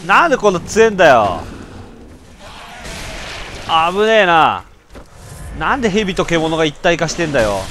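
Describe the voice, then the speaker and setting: A man giving casual, rough-spoken commentary while playing a video game, often yelling and stammering in panic. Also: fairly high pitch, sing-song, fairly quick, a little hiss or hum. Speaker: gameplay commentator. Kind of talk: casual let's-play commentary.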